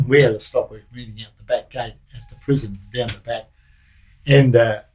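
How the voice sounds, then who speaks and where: An older Australian former prison officer recalling stories in a loose, rambling way with plenty of restarts. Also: male voice, medium pitch, fairly even intonation, normal speed, a little mellow, rough recording. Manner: rambling, broken anecdotes with many restarts. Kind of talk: casual recollection.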